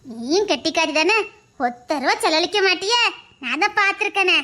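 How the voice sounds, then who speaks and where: A kind, trusting older mother-in-law comforts and fusses in a soft, bright voice, as a woman puts her on for an animated story. She speaks, gentle and unhurried. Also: very high voice, pitched below the performer's own voice, full character voice. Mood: soothing. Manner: gentle, soothing, fussing.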